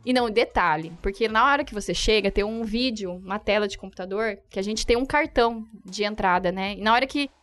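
This guest, a Brazilian woman with a Brazilian Portuguese accent, shares a travel story casually at a brisk clip with hardly any pauses. Her medium-pitched voice is fairly bright, and she laughs a lot, acts out dialogue and tosses in tag questions.

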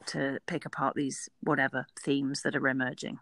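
A woman co-hosts a casual workplace podcast, talking earnestly and frequently restarting her sentences. Her very deep voice is level and a bit bright, at a moderate pace, with no echo.

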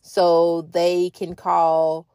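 A woman's voice: fairly low pitch, completely flat delivery, extremely slow, mellow, clear, resonant tone, no room sound, clean studio sound. A woman in her thirties telling a family story on her podcast in a chatty, conversational way, turning to ask listeners questions. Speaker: podcast host, mother. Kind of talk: casual storytelling monologue.

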